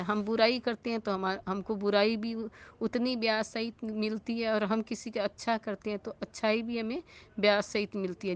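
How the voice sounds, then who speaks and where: Smooth-voiced woman telling a moral story. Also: fairly high pitch. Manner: conversational, with frequent tag questions. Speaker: spiritual storyteller.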